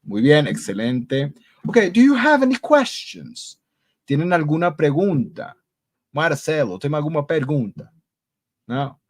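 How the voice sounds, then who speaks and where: Here a man leads a live online English grammar class, going through student answers at a normal speed with a fairly high, very animated voice. Cheerful and encouraging, he mixes Spanish, English and Portuguese and keeps repeating praise like "muy bien."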